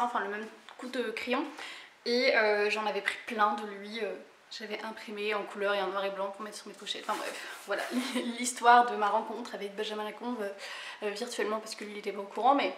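A woman's voice: fairly high pitch, fairly bright tone, roomy sound, slight background noise. A woman in her twenties chatting casually about her books as a vlogger, hesitant with many fillers and laughing at herself. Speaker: book vlogger. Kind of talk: casual book haul chat.

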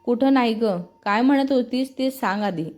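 A woman voicing a quiet, dreamy young woman who speaks softly and apologetically. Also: fairly high pitch, normal speed, faint music behind, natural voice. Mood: gentle. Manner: soft, apologetic, hesitant.

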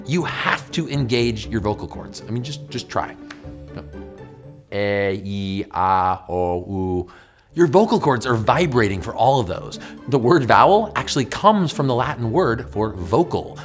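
An American man in his forties presenting a scripted but conversational educational explainer in an emphatic, animated way. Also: medium pitch. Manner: animated, emphatic, demonstrating mouth sounds. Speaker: host of an educational science show. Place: small furnished indoor studio with bookshelf.

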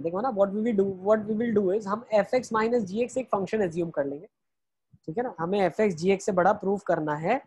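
A man's voice: high-pitched, a little mellow, husky. A man teaching math in an online lecture, explaining each step and answering his own questions as he goes, with English phrases mixed in.

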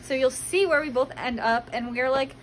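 High-voiced chatty teenage sorority girl, noisy recording. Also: moderate pace. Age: late teens. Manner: chatty, colloquial sorority-girl talk peppered with "like". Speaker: vlogger, college freshman. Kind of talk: casual vlog chat. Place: small dorm rooms, indoors. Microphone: phone at arm's length. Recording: noisy handheld phone recording.

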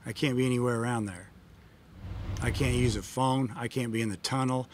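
A man's voice: medium pitch, fairly even intonation, brisk, noisy background. A middle-aged man, a baseball coach, answering reporters after a game in a plain, matter-of-fact way with many fillers, into a table microphone in a press room. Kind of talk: postgame press conference answers. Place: press room in front of a sponsor backdrop. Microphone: table mic in front of him.

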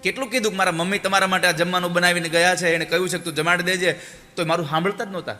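A man putting on a high, begging little boy. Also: fairly even intonation, very fast, bright, forceful tone. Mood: eager. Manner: high, begging, sing-song voice. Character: small pleading boy, earnest and tearful. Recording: hall reverb with faint music.

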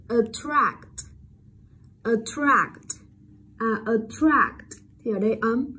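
A woman teacher giving a pronunciation lesson, drawing out and repeating each English word loudly before explaining it. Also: on the high side, husky.

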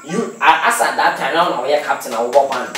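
A man's voice: medium pitch, brisk, bright, forceful tone, slight background noise. A man with a Ghanaian accent discussing sport on a radio show, explaining his view at length and listing examples as he goes. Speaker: radio sports talk co-host. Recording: echoey, distant mic.

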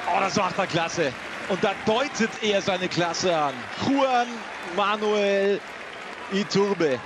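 A man giving live football match commentary in an excitable way, full of exclaimed praise for the play. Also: high-pitched, takes it slowly, crowd noise. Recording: loud noise behind the voice.

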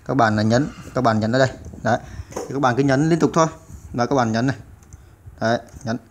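A man's voice: mid-range voice, brisk, slight background noise. A man hosting a computer typing tutorial, explaining step by step with many "à" fillers. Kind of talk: step-by-step screen-recorded tutorial.

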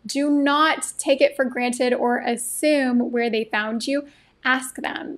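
A woman in her thirties with a high, bright voice teaches marketing tips straight to camera. She sounds upbeat and friendly and talks with her hands in an indoor room. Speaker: marketing coach for beauty professionals. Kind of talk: direct-to-camera tutorial. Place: indoor room with a painting behind.

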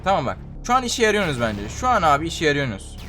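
A young man narrates his game run in a rapid stream of chatter. His voice sits high and he moves from exasperated complaints to cheerful asides aimed at his viewers. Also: huge pitch swings, bright, forceful tone, soft background music. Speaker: gaming YouTuber. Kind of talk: excited gameplay commentary.

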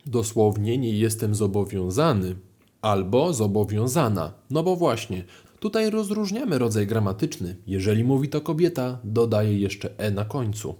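A man teaching French grammar in a video lesson, explaining clearly with lively rises in his voice. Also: on the low side, moderate pace. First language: Polish. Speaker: language teacher.

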